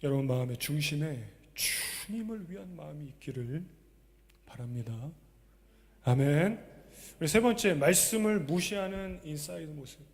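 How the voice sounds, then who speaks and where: Emphatic pastor in a reverberant hall. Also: male voice, fairly high pitch, lively intonation, moderate pace. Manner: emphatic, swings between loud exclamations and quiet asides; asks the congregation rhetorical questions. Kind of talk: sermon. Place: church sanctuary during a live service.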